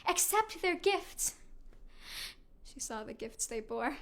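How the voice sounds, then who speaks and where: An anguished servant messenger from Greek tragedy, acted by a woman in a classical stage style. The voice is very high and bright, with theatrical delivery that shifts between hushed and forceful as horror is recounted. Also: measured pace, exaggerated voice. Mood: hushed, storytelling. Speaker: actor performing an audition-style monologue. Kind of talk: classical stage acting, dramatic tragic monologue.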